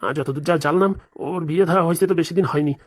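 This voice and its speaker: This is a brusque cartoon husband, a middle-aged man who orders everyone about, as a woman puts him on. The voice sits very low and the words come out in a rush. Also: racing. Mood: gossiping. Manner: brusque, bossy. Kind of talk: cartoon voice acting.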